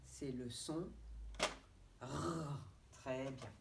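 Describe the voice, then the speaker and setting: A woman kindergarten teacher with a French accent giving a remote lesson to young children, spelling out letters and syllables slowly and clearly. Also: mid-range voice, sing-song. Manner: slow, deliberate, stretching out syllables and letters. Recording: distant mic with faint background noise.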